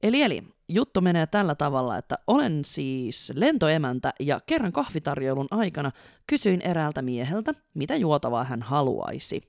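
A woman co-hosting a casual podcast as a flight attendant, excitable, laughing and swearing casually, reading listener stories aloud. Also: sits low, creaky, dry recording, clean studio sound.

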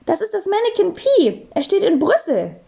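A woman's voice: extremely high pitch, huge pitch swings, normal speed, gravelly, mellow, highs cut off, pitched above the performer's own voice, exaggerated voice. A woman voicing a clever schoolboy who answers matter-of-factly. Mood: confident.

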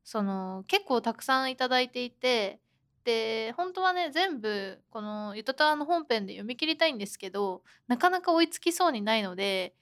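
A woman's voice: on the high side, lively intonation, moderate pace, a bit bright. A young woman co-hosting a podcast, chatting casually and telling stories with plenty of laughter. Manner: chatty storyteller, laughs often, acts out quotes. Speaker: podcast co-host. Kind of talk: casual chat.

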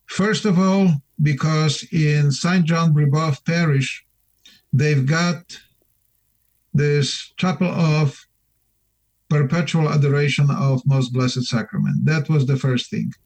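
A middle-aged man from Poland with a Polish accent, a new deacon calling in to a radio interview, speaking in an earnest, measured, plain-spoken way. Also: on the high side, steady tone, darkish tone, rough recording. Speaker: newly ordained deacon, guest.

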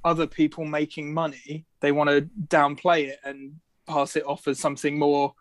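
A man's voice: fairly high pitch, level tone, normal speed, dry recording. A man, a guest in a casual interview, telling stories in a self-deprecating way and laughing easily.

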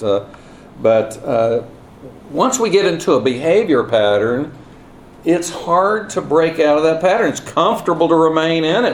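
A man preaching at a pulpit microphone as a guest Bible lecturer, in a halting, measured, emphatic delivery. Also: mid-range voice, echoey room. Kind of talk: sermon with scripture reading and prayer. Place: church conference, speaking to seated congregation. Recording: clear background noise, live room.

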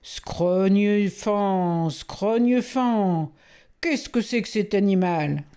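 A woman's voice: mid-range voice, very slow, warm tone, clear, resonant tone. A woman voicing a short-tempered male elephant general in a storybook, barking scolding orders. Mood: gruff.

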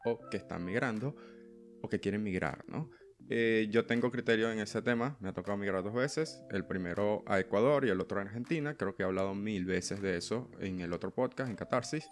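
A Venezuelan man hosting a podcast, talking in a casual, rambling monologue full of fillers and restarts. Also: fairly low pitch. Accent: Venezuelan Spanish. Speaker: podcast host.

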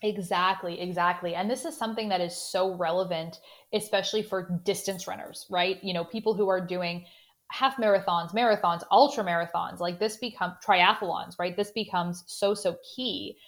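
A woman with a Canadian accent, a sports dietitian guest on a podcast interview, explaining steadily with frequent "you know" fillers. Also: fairly low pitch.

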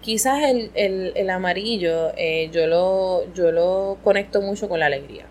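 A woman hosting an educational podcast, explaining in an expressive, conversational way. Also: on the low side, a little slow, a little hiss or hum, low-quality recording. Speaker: podcast host.

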